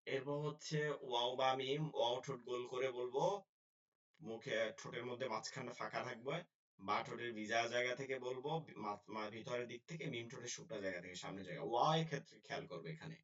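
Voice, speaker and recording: A man teaching a Quran pronunciation lesson, drilling syllables slowly and explaining lip and tongue positions in colloquial speech. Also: medium pitch, fairly bright tone. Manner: drills syllables slowly and repeats them for practice. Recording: slightly dull lo-fi sound.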